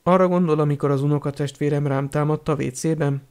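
A man's voice: on the high side, steady tone, a little mellow, clear, resonant tone, lightly acted. A man voicing a sullen, defiant teenage boy wizard in an audiobook, answering reluctantly and muttering. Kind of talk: audiobook character reading.

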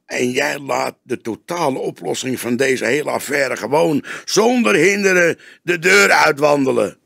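A man voicing an agitated young male police detective who argues in a high, urgent voice. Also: big pitch swings, moderate pace, creaky, pushed and bright, no room sound, studio quality, full character voice. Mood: indignant.

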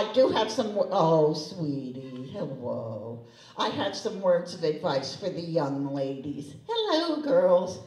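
A woman's voice: medium pitch, a little mellow. A woman telling dry, self-deprecating stand-up jokes on a club stage. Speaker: stand-up comedian. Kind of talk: stand-up routine. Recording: echoey club, distant mic.

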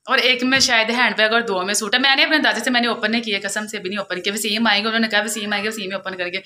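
A young woman, chatting casually and confidingly to camera at home, quick to laugh. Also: a little high, bright, forceful tone. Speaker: vlogger.

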